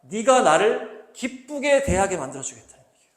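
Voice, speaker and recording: A male pastor preaching a sermon, posing rhetorical questions to the congregation and slowly reading scripture aloud. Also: high voice, sing-song, reverberant. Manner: asks the congregation rhetorical questions and answers them; reads scripture slowly and deliberately. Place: church hall.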